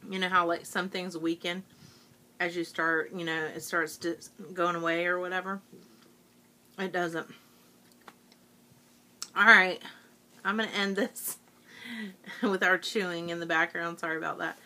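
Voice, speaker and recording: A middle-aged woman talking straight to her viewers in a loose, rambling way. Her voice is bright and forceful, full of "um" and "like" as she goes. She sounds relaxed and homey, as if talking to friends. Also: on the low side, measured pace, pauses often. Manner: rambling, many fillers, chatty. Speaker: vlogger. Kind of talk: casual chat to camera.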